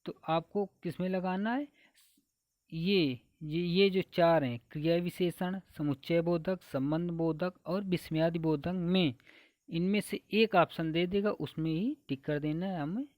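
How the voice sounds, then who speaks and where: A man's voice: a little high, measured pace, a little mellow, no echo. Man teaching an exam-prep grammar lesson. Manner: repetitive, walks through a numbered list, asks and answers own questions.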